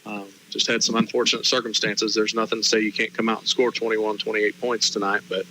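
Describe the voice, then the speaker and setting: Male color commentator, conversational, slightly low, forceful tone, faint background noise. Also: flat delivery, brisk, rough recording. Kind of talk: conversational football analysis.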